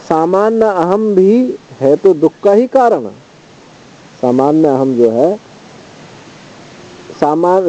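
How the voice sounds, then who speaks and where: A man teaching as a swami, reciting Sanskrit verses and then explaining them in a measured, steady commentary. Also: high voice. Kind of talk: scripture study commentary. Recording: dull lo-fi recording.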